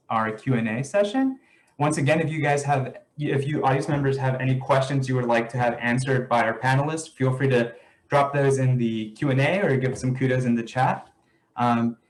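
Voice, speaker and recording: A man's voice: mid-range voice, poor audio. A man moderating a video call panel, thanking speakers and posing questions in a friendly, loose way.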